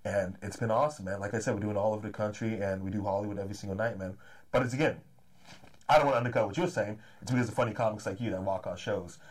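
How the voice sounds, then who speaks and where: This thirty-something promoter from around Los Angeles, who books comedy and hip-hop, sounds eager and quick as an interview guest, repeatedly throwing in "man." His voice is on the low side with a breathy edge, and the chat is casual.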